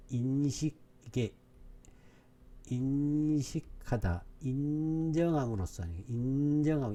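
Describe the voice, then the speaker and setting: In a repetitive online English lesson for exam preparation, a male instructor keeps putting questions to his students and answering them on his own. His mid-range voice has a mellow quality.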